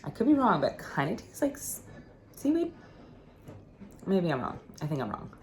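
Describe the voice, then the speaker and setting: A woman's voice: fairly low pitch, big pitch swings, moderate pace, a little mellow, slight background noise. A young woman vlogging casually at home, chatty and laughing often. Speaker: travel vlogger. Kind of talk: casual vlog chat. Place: rented flat indoors.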